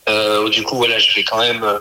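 A young man in his twenties talks as a comedian guest on a radio show. His voice is low-pitched yet very bright and forceful. He rambles in a relaxed, chatty way, full of fillers. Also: a little fast, poor audio. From France. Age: 20s. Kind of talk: casual radio interview.

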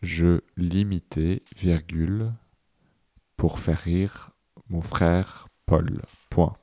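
Slow, deep-voiced man reading a dictation. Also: steady tone, mellow, dry recording. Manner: slow, deliberate, repeats phrases and speaks the punctuation. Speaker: dictation reader.

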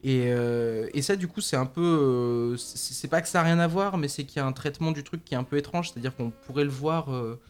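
A man's voice: medium pitch, a little fast, few pauses, smooth. A man co-hosting a casual film podcast, talking with many fillers and restarts and laughing often. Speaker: podcast co-host.

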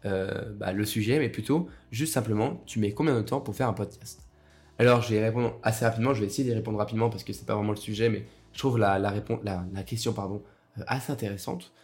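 A young man with a cold-roughened voice hosting a casual solo podcast, rambling with many fillers and restarts. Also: fairly low pitch, a little mellow. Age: young adult. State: hoarse from a cold. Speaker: podcast host.

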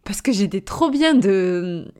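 A woman's voice: mid-range voice, expressive, slow pace, mellow. A young woman from southern France talking about her travels in a personal diary-style podcast, teary and emotional, hesitant, with many fillers and restarts. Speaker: podcast host.

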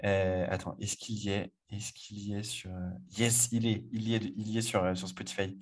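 A man's voice: on the low side, little pitch movement, normal speed. A man co-hosting a casual music podcast, enthusiastic and rambling with frequent restarts. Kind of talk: casual chat.

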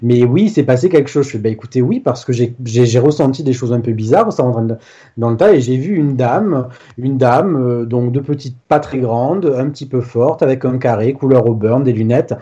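A man's voice: mid-range voice, moderate pace, mellow, breathy edge. A man telling a personal ghost story in a casual, hesitant way, full of restarts and fillers. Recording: dull lo-fi sound.

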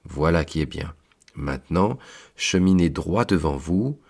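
A man voicing a kindly old Saint Peter, keeper of heaven's book, in a fatherly, unhurried tone. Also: rumbling low, lively intonation, darkish tone, exaggerated voice. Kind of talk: storytelling read-aloud.

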